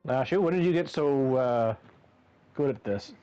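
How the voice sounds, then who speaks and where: A man's voice: medium pitch, lively intonation, moderate pace, dull audio, over music. A man bantering casually and jokingly over a game.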